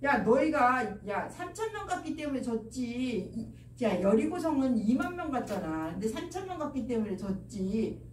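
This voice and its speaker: A woman's voice: fairly high pitch, big pitch swings, normal speed, a little hiss or hum. A woman voicing God as a stern, commanding divine voice that scolds bluntly. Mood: scolding. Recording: echoey church hall, mic far off.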